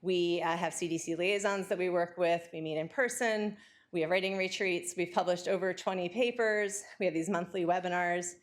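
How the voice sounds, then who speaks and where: A woman giving an academic lecture, talking quickly and excitedly with frequent fillers and restarts. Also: on the low side.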